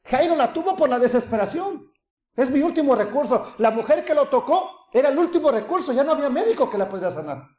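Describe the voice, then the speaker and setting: A man preaching a sermon. He acts out scoffing onlookers with a laugh, then drops to soft, hushed tones. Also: very high-pitched, very animated, quick pace, few pauses, echoey room.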